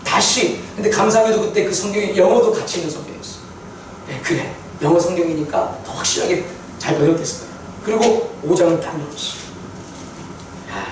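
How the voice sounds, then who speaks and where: A man preaching a sermon testimony, telling his story with animated repetition for emphasis. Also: high voice, a little fast, background noise. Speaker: pastor. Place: church sanctuary. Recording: echoey church hall from far off.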